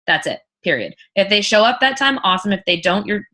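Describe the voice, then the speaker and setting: A woman's voice: medium pitch, animated, fast, bright, forceful tone. A woman leading an informal coaching talk as a team leader, blunt and emphatic, repeating her points and swearing freely.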